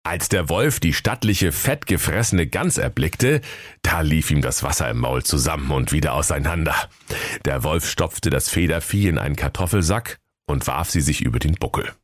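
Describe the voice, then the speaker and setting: Low lively male storyteller. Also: normal speed, no echo, clean studio sound. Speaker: narrator. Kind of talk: comic fairy-tale narration.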